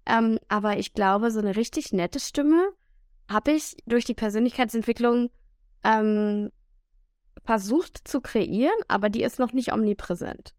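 A woman's voice: on the high side, unhurried, darkish tone, no room sound, studio quality. A woman co-hosting a casual podcast chat, speaking frankly and joking about herself. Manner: frank and playful, laughs at herself. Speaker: podcast co-host.

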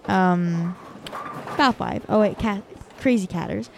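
Slow, unsure woman host of a toy game, faint noise behind. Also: medium pitch, creaky. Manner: hesitant, many fillers. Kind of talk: casual toy play commentary.

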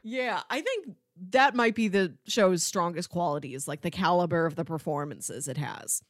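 A woman's voice: lowish voice, expressive, moderate pace, no room sound. Chatty woman podcast co-host, dry sound. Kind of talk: casual chat.

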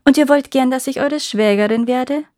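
A woman's voice: sits high, moderate pace, dark tone, no echo, studio quality, pitched above the performer's own voice, lightly acted. A woman voicing a hideous, scheming old witch who wheedles and threatens. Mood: demanding.

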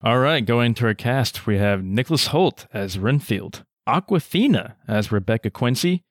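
A man's voice: mid-range voice, animated, normal speed, dry recording, clean studio sound. A man co-hosting a film podcast, presenting in a casual style. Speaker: podcast co-host.

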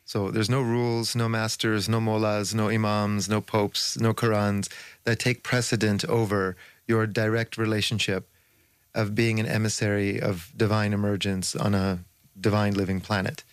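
A man's voice: on the low side, level tone, normal speed, clean tone, no echo. A male radio guest explaining ideas fluently and at length, with occasional fillers. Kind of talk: radio interview.

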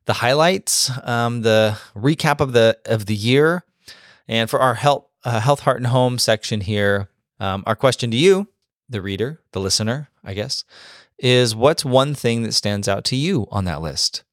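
A man co-hosting a podcast, talking in a relaxed, rambling way. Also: on the low side, dry recording, studio quality. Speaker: podcast co-host. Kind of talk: casual chat.

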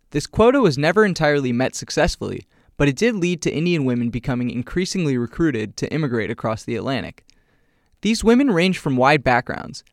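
A male podcast host reads from a prepared script at a steady, even clip. His voice sits at a middling pitch. It is recorded dry and close, with no room sound at all. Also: dry recording. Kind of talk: scripted narration.

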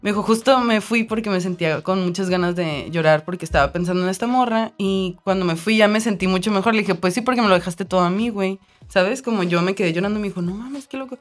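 A woman host with a Mexican accent, chatting casually and telling stories with lively acted-out quotes. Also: medium pitch, quick pace, few pauses, soft background music. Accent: Mexican Spanish. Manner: lively storyteller, acts out quoted voices. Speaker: podcast host. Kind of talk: casual chat.

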